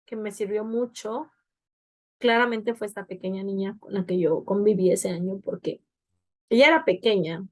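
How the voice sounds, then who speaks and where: Co-hosting a podcast, a young woman reflects casually on her past, leaning heavily on fillers like "o sea." She speaks at a moderate pace in a mid-range voice.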